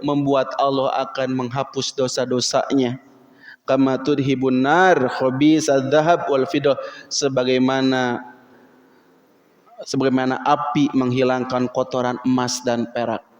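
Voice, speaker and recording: A man with a Sundanese accent delivers a dawn sermon in a mosque, his voice sitting somewhat high. He tells folksy stories with jokes and breaks into chanted Arabic quotations. His words trail off into a long, echoing hall reverb. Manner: folksy, joking asides, mixes Sundanese and Indonesian, chants Arabic quotes. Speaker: preacher.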